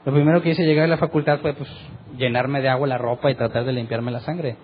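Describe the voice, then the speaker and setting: A man's voice: medium pitch, fairly even intonation, fast talker, narrow, tinny audio, a little hiss or hum. A middle-aged man gives a sermon as pastor, telling a personal story vividly and often tagging his sentences with a question. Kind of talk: sermon testimony.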